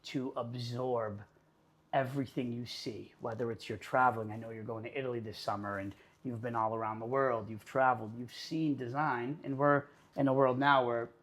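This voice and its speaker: Upbeat interview host, man, mid-pitched, friendly run-on phrasing. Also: moderate pace. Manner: upbeat, flattering, talks in long run-on lists. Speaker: podcast host. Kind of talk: conversational interview.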